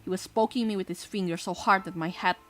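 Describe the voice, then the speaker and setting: A woman's voice: mid-range voice, fast talker, faint music behind. A woman with an Indonesian accent, reading a visual novel aloud on a stream and reacting expressively. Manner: expressive, breaks off into sweary reactions.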